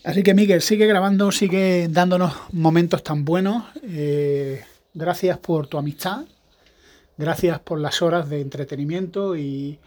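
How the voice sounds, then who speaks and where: A man's voice: on the high side, measured pace, a little mellow. A man hosting a podcast, talking in a rambling, casual monologue with frequent restarts. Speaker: podcast host; evangelical pastor.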